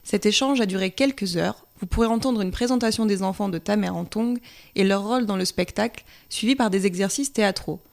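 Brief: female reporter, scripted voice-over, some vocal fry. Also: mid-range voice, fairly quick. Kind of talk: scripted news narration.

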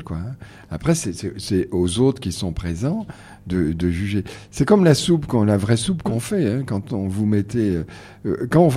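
A man's voice: low voice, warm tone, husky. A man as a guest on a radio conversation, hesitant and restarting often as he explains his reading events. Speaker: guest, organizer of book readings.

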